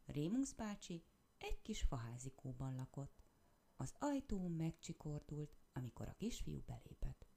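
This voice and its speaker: A woman reading a children's story aloud with expressive narration. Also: low-pitched, creaky.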